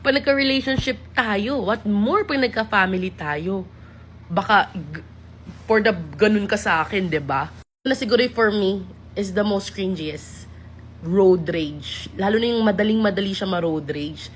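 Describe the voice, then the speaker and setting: A woman's voice: mid-range voice, a little slow, slight background noise. A woman vlogger talking casually to camera, switching between Tagalog and English, sassy and exasperated, mocking men's lines in a teasing voice.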